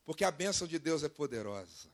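High-voiced Brazilian preacher man. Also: fast talker. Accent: Brazilian Portuguese. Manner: animated preaching, mimics complainers in a high voice. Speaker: pastor. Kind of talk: sermon.

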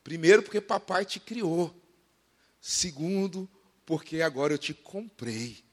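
A man's voice: a little high, lively intonation, measured pace. A man voicing a little boy in a story told from the pulpit, pleading plaintively over his lost toy boat. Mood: earnest.

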